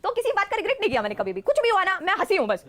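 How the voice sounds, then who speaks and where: Fast, high-voiced woman. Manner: animated storyteller who often laughs mid-sentence. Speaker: stage dancer and performer, podcast guest. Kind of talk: casual storytelling interview.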